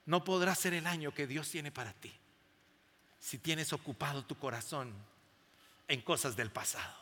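A man's voice: on the high side, pushed and bright. A man preaching a sermon to a congregation, emphatic and full of questions to the crowd. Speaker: pastor. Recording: long hall reverb.

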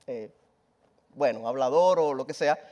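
A man preaching a lively, humorous sermon, telling stories and asking the congregation rhetorical questions. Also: medium pitch, unhurried.

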